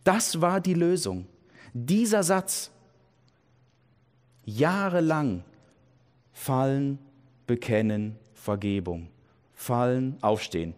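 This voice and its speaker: A man preaching a sermon in an earnest, emphatic way, repeating key phrases and dropping his voice low for weight. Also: expressive, takes it slowly, long pauses, a little mellow.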